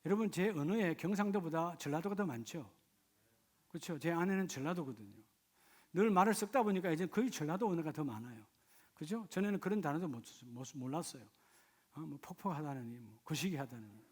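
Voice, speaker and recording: A middle-aged male pastor from Gyeongsang, South Korea, preaching a sermon in a church that moves from quiet storytelling to loud, fervent preaching. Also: on the high side, lively intonation, a little fast. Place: church sanctuary.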